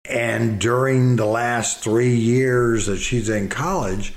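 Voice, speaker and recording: Middle-aged man, low gravelly voice, slow folksy rambling storyteller, echoey room. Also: fairly even intonation. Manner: folksy, rambling with repeated words. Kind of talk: casual storytelling.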